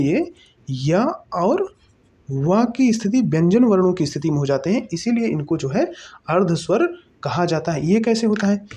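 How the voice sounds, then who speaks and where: Husky, mellow-voiced grammar teacher. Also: mid-range voice. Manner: explains step by step, asking and answering own questions; repeats terms and checks in often. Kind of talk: exam-prep grammar lesson.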